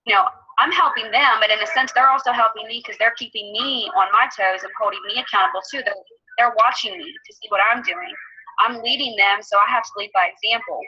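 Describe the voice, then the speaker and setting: A woman's voice: a little high, a little fast, pushed and bright, slightly rough. A woman in her twenties chatting eagerly about becoming a coach. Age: 20s. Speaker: student and coach. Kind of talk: testimonial. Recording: dull lo-fi recording.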